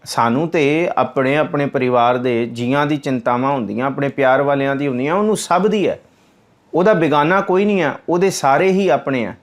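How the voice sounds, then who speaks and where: A man giving a religious discourse on scripture, explaining patiently and repeating key words, reciting verses slowly in a sing-song way. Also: medium pitch. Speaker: Sikh scripture teacher.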